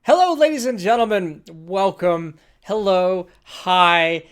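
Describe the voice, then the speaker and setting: A dungeon master hosting a casual tabletop game stream jokes and pokes fun at himself, often stammering and restarting. His mid-range voice is smooth and slow.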